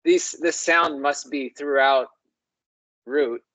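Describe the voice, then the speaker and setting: Slow, musing language show host. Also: mid-range voice, a bit bright, low-quality recording. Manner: musing, says words aloud slowly to compare their sounds. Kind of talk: slow, exploratory discussion of word sounds.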